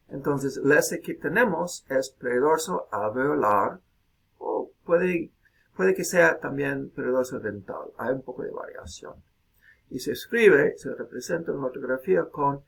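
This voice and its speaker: Slow husky man giving a lecture. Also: mid-range voice. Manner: slow and deliberate, saying example words aloud. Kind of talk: recorded video lecture.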